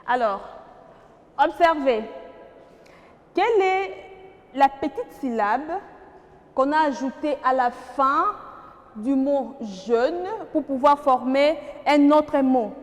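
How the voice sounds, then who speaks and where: A woman's voice: sits high, lively intonation, takes it slowly, pauses often, in a large hall. A woman with a Congolese French accent teaching a primary school grammar lesson, patient and questioning, repeating key words for the class.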